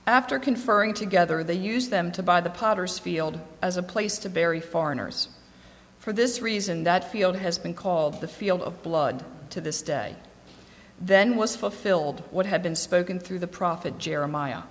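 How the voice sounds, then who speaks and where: A woman reading scripture aloud in a steady, clear voice. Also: on the low side, normal speed. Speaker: scripture reader. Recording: long echoing reverb.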